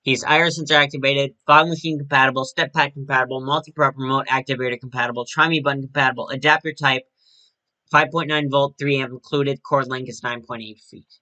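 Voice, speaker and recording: Bright-voiced man casually reviewing a prop. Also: mid-range voice, fairly even intonation, brisk, lo-fi sound. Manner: chatty, with frequent restarts and self-corrections.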